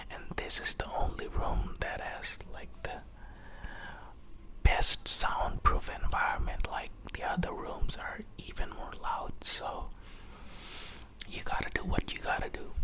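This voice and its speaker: A young adult vlogger whispering breathily with a sore throat, hesitant and apologetic, barely able to talk. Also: pushed and bright. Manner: hesitant, apologetic, halting phrasing. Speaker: YouTube vlogger. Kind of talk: whispered confessional vlog. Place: small hot room without fan or air conditioning.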